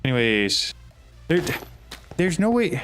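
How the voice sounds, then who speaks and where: A man's voice: fairly high pitch, big pitch swings, slow, over music. Puzzled man thinking aloud while gaming. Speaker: streamer. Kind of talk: casual live gameplay talk.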